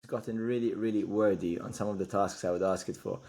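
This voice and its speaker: A man co-hosting a podcast in casual chat, explaining things in a measured way and correcting his co-host. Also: fairly low pitch, fairly even intonation, crowd noise.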